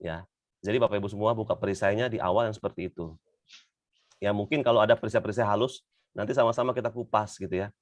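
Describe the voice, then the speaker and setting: A man's voice: on the low side, fairly even intonation, fast talker, no room sound. A man giving an Islamic talk to an audience in a conversational way, often tagging his sentences with small fillers. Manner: conversational, repeats "gitu ya" often. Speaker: religious motivational speaker.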